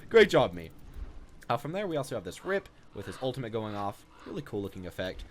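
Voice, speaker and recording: Quick-paced and very animated, a young gaming video creator with a lowish voice offers off-the-cuff commentary while displaying video game items. Background noise is noticeable in the recording.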